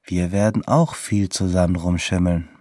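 A man's voice: sits low, fairly even intonation, normal speed, darkish tone, no echo, studio quality, voice pushed down, lightly acted. Curious playful young woman, as a man reads her lines. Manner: quoted lightly in the narrator's own voice.

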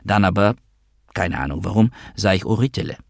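A man's voice: sits low, fairly quick, creaky, no room sound. A man narrating an audiobook in the first person, with a wry, dry delivery. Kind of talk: audiobook reading.

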